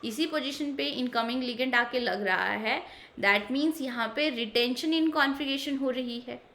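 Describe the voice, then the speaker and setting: Bright-voiced woman teaching chemistry. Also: high voice, takes it slowly. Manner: patient, repeats key points, asks and answers own questions. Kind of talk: explanatory online lecture.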